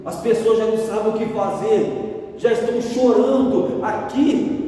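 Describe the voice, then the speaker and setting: A man's voice: high voice, fairly even intonation, a little slow, warm tone, slight background noise. A man preaching a fervent sermon, often calling out to his congregation. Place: church hall. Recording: echoey church hall from far off.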